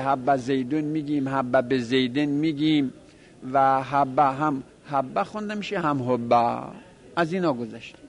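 A man teaching a classroom grammar lesson, explaining step by step and repeating each form aloud, talking to his class directly. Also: medium pitch. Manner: conversational, addresses the class directly.

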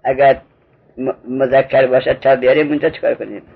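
A man's voice: mid-range voice, fairly even intonation, vocal fry, a little hiss or hum. A man teaching an Arabic grammar lesson, patiently drilling a student with repeated questions. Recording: muffled lo-fi recording.

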